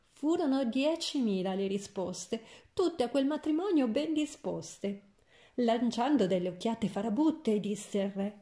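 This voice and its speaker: A woman's voice: fairly high pitch, dark tone. A woman reading a rhymed fairy tale aloud with a playful, rhythmic verse delivery. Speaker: storyteller. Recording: roomy echo.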